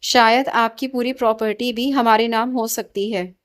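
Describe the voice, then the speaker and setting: A woman's voice: on the high side, fairly even intonation, normal speed, lightly acted. A woman reading the lines of a proud, defiant young woman in a storybook tale, firm and taunting.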